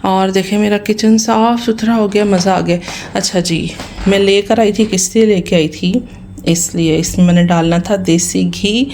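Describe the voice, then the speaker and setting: A woman from Pakistan with a Pakistani Punjabi accent, hoarse and tired, chatting to viewers in a home vlog voice-over. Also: mid-range voice, steady tone, normal speed, darkish tone, a little hiss or hum. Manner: chatty, addresses viewers directly, asks their opinion. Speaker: vlogger.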